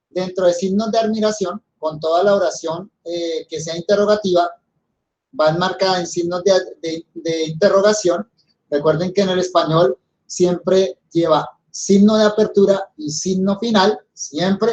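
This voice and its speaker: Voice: medium pitch, a little mellow, poor audio. A teacher with a Colombian accent giving a recorded grammar lesson, explaining step by step and addressing the students.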